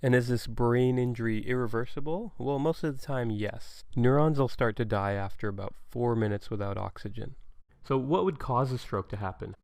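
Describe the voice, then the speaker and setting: A man's voice: medium pitch, moderate pace, vocal fry, a little mellow. A man narrating an explanatory medical lesson in a conversational way, asking and answering his own questions.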